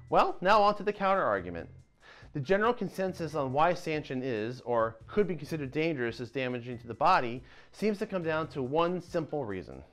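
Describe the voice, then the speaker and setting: A man in his thirties hosting a martial arts channel, presenting an explainer to camera in a lively, gesturing way with casual asides. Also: on the high side. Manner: animated, talks with his hands, casual asides. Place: dim indoor dojo-style room. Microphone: lapel mic.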